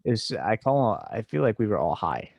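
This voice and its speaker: Low gravelly dude, podcast host, blunt laid-back chat, mocks himself. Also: male voice, big pitch swings, normal speed, a little mellow, no room sound, lo-fi sound. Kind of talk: casual chat reacting to old episodes.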